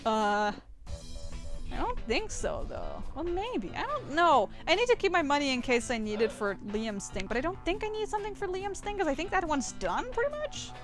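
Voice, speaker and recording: A woman's voice: sits high, big pitch swings, moderate pace, over music. A woman streaming a dating game, chatting casually, swearing freely and reading game text aloud. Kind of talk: casual gameplay chat with guests.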